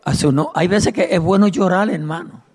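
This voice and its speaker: A man's voice: high-pitched, normal speed, a little mellow, husky. A middle-aged man preaching a fervent sermon as pastor, reading scripture aloud and calling out praise to his congregation. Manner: reads scripture aloud and addresses the congregation directly.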